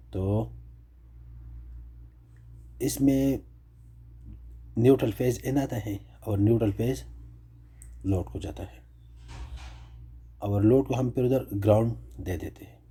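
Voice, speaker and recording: A man's voice: lowish voice, dark tone, breathy edge. A man explaining electrical breakers step by step, asking and answering his own questions. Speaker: electrical tutorial presenter.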